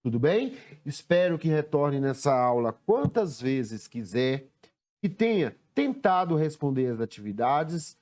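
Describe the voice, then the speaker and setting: A male teacher with a Brazilian Portuguese accent giving a recorded lesson, slowly sounding out words and stressing syllables. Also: fairly high pitch, big pitch swings, a little mellow.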